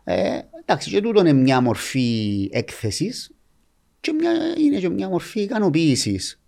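A man's voice: on the high side, sing-song, gravelly, darkish tone. A mild-toned man with a Cypriot Greek accent, chatting casually as a podcast guest.

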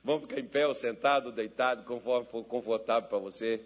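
A man preaching a sermon, telling folksy stories from his family and then leading a loud, fervent prayer. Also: mid-range voice, brisk. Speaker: pastor. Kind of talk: sermon with storytelling and led prayer.

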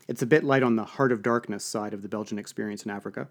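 A man's voice: fairly low pitch, fast. A man narrating an audiobook in a dry, wry storytelling manner.

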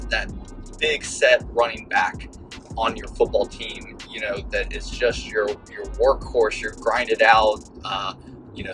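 Male podcast host, middle-aged, forceful tone, halting off-the-cuff advice with emphatic repeats, low-quality mic on the go. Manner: halting, rambling, emphatic repetition. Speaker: podcast host, real estate broker. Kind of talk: casual podcast monologue with coaching advice. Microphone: low-quality portable mic. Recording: poor cheap mic sound, faint music.

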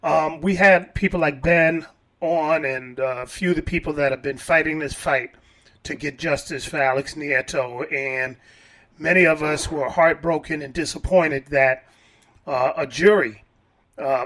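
A male radio host with a fairly high voice leads the interview at a measured pace. He pauses thoughtfully and picks his words with care. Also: fairly bright tone.

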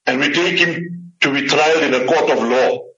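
A man's voice: on the high side, normal speed, sharp tone. A man, an Islamic scholar, giving a religious lecture with slides in an emphatic way, repeating key phrases. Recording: roomy, dull lo-fi room recording.

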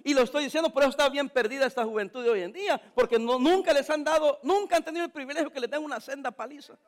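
A man's voice: extremely high pitch, racing. A middle-aged man, preaching a sermon in a joking, storytelling way. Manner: jokey, storytelling preacher, playful. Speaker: pastor.

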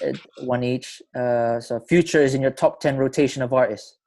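A man's voice: medium pitch, fairly even intonation, moderate pace, a little mellow, poor audio. A man with a London roadman accent hosting a casual podcast chat, talking in informal slang and often repeating himself. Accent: London roadman, urban slang. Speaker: podcast host.

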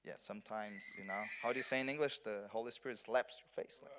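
Background noise accompanies this lowish-voiced Brazilian man as he preaches quickly in English at a conference. He is a pastor and Portuguese speaker from southern Brazil, earnest in tone, frequently restarting and repeating himself.

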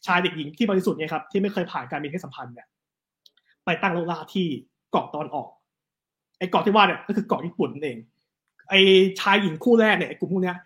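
Guy rattling off history stories, high voice, talks really fast. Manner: animated, fast storytelling with quick asides. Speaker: guest storyteller on history. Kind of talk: casual history chat.

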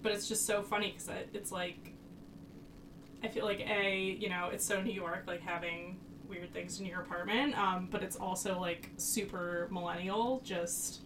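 A woman's voice: lowish voice, normal speed. Chatty young-sounding woman, off-mic. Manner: animated, lots of "like". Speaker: podcast co-host. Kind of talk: casual podcast chat. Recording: noisy, distant mic.

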